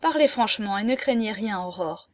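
A woman reading the lines of a grave, fatherly middle-aged swordsman in an audiobook, dropping into a lower, restrained and earnest voice. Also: lively intonation, moderate pace, no echo, natural voice.

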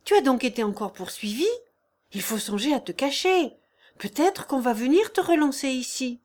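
A woman's voice: high voice, expressive, normal speed, a little mellow. A woman reading the part of a kind, pious young girl in an audiobook, in an earnest, tender manner.

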